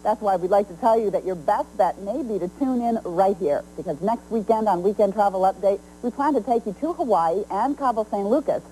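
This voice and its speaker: American female travel news host, soft mellow tone, slight noise behind. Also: mid-range voice, fairly quick, hardly any pauses, low-quality recording. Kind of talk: scripted broadcast news reading.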